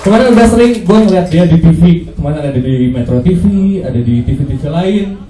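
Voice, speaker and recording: A man's voice: fairly high pitch, lively intonation, fast, warm tone. Young male stand-up comedian with casual crowd banter, heard from a distance in an echoey room. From Indonesia. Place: open mic comedy venue. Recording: roomy, distant stage recording.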